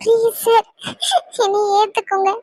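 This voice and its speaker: A woman's voice: very high-pitched, little pitch movement, normal speed, darkish tone, dry recording. A woman voicing a lovesick young coworker in a cartoon, begging tearfully. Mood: tearful pleading.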